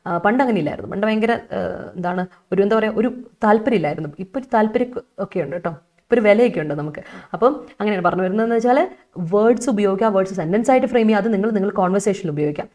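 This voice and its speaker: A woman's voice: mid-range voice, expressive, rapid-fire, a little mellow. Chatty Malayali woman teaching English. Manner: chatty, coaxing, repeats key points with "kettō". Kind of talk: online exam-prep lesson.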